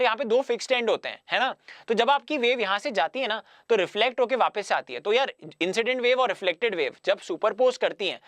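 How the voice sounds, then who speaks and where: A man's voice: high-pitched, fairly bright tone, no room sound, clean studio sound. A man giving an online physics lecture in a chatty way, mixing English phrases into his talk, repeating himself and often checking that students follow. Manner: chatty, mixes English phrases into Hindi, calls students "yaar". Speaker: physics teacher. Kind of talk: online exam-prep lecture.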